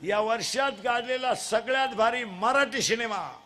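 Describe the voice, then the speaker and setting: A middle-aged man preaching a comic devotional kirtan, teasing children and drilling them in loud call-and-response. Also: very high-pitched, unhurried.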